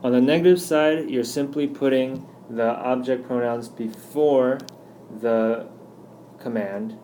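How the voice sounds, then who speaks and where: A man of middle pitch talks through a slideshow lesson, patient and explanatory. He slows down whenever he works through an example. A faint hiss sits under his voice. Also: mellow. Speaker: Spanish teacher.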